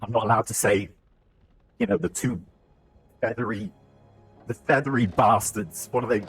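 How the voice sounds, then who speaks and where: British man, game streamer, joking, chatty, animated pitch, faint music behind. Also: moderate pace, creaky, slightly rough. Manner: joking, chatty, reads chat aloud. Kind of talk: live game streaming commentary.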